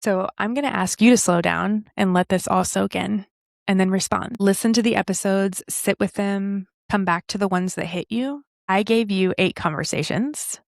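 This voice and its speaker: A woman hosting a podcast and speaking in an earnest, reflective way. She slows down to stress key lines. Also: mid-range voice, gravelly, no echo, clean studio sound. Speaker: podcast host.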